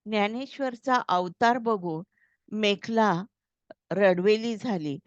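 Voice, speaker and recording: Woman storyteller, slow measured reading, slightly dull dry recording. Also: medium pitch, no room sound. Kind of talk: scripted story narration.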